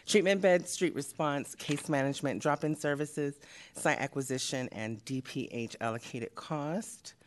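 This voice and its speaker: A winded woman works her way through a committee presentation at a public meeting. She stumbles and restarts, filling the gaps with ums as she catches her breath. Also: deep voice. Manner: breathless, halting with many fillers. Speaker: committee member. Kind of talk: reading a presentation.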